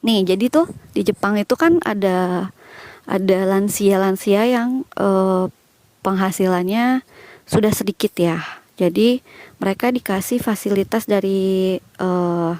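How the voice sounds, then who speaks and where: A woman's voice: medium pitch, measured pace, long pauses, a little mellow, dry recording. A young Indonesian woman chatting casually as she walks outdoors and answers viewers' questions. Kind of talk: casual chat while walking. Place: outdoors walking through a quiet village.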